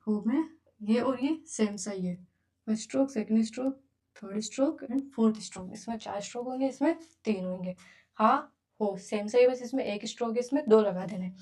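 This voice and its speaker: A woman's voice: a little high, brisk, a little mellow. A woman teaching beginners to write, patiently counting each stroke aloud as she goes. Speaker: Japanese teacher. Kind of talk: beginner writing lesson.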